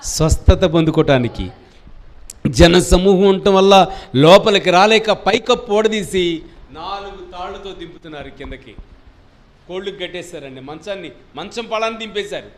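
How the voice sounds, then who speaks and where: Man, Telugu accent, high-pitched, pastor, sermon, call-and-response, bursts of loud cries. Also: normal speed.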